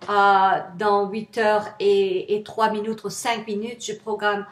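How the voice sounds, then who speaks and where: A woman gives an informal motivational talk in French that is not her native tongue, with an audible foreign accent. Her delivery is very slow and halting as she searches for the next word. The pitch is average for a woman, and the sound is noticeably roomy and echoey. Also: little pitch movement, very noisy. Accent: foreign, non-native French. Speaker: author presenting her self-help manual.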